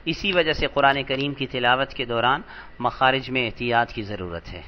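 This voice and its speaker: A man teaching an Arabic grammar lesson, patient and slow, repeating each word for emphasis. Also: mid-range voice, lo-fi sound, a little hiss or hum. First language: Urdu. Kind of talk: lecture explaining vocabulary.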